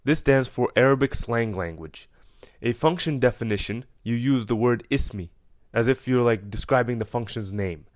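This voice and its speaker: A young man with an Egyptian accent and a dry-sounding voice gives a casual coding walkthrough, explaining his programming project. He speaks at medium pitch and moderate pace with no room sound, relaxed, with fillers and self-corrections.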